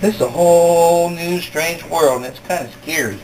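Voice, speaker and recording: A woman's voice: fairly low pitch, moderate pace, noisy background. A woman dog breeder chatting casually and coaxing puppies indoors at home. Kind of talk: casual chat and baby talk to puppies. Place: indoors, home kitchen area.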